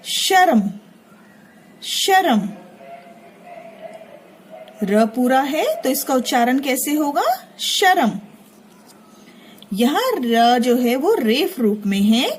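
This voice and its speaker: एक महिला शिक्षिका बच्चों को हिंदी की वर्तनी सिखा रही हैं, हर शब्द धीरे-धीरे और धैर्य से बार-बार बोलकर।. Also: female voice, high-pitched, slightly rough. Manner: slow, patient, repeating each word aloud. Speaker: teacher. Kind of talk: Hindi spelling lesson for children.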